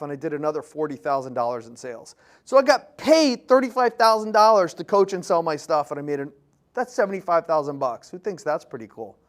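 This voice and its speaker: Man, high voice, energetic seminar speaker, punchy phrases, audience questions. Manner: punchy short phrases, acts out quoted dialogue. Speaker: public speaking and sales trainer. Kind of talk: motivational seminar talk to a live audience.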